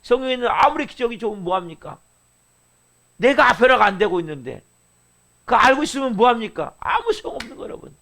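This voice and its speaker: A man's voice: extremely high pitch, sing-song, fast, creaky, fairly bright tone. A middle-aged man preaching a dawn service sermon, emphatic and full of rhetorical questions to the congregation. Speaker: pastor.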